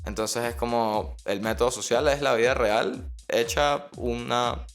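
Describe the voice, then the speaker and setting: A man's voice: mid-range voice, steady tone, measured pace, faint music behind. Reflective Venezuelan-born man explaining. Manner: reflective, explains at length with restarts. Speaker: podcast guest. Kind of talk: casual chat.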